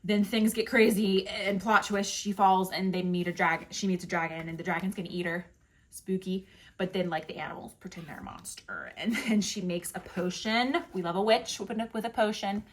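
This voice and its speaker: A woman's voice: mid-range voice, steady tone, moderate pace, slight background noise. A woman chatting casually and enthusiastically about favorite picture books, with lots of fillers and restarts. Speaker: book reviewer. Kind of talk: casual book recommendations.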